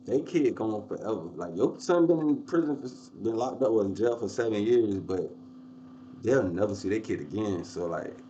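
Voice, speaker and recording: Brief: casual male streamer, mid pitch, offhand reactions, slightly dull mic with faint hiss. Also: expressive, normal speed, dark tone. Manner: casual, conversational, uses fillers. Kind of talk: livestream reaction commentary.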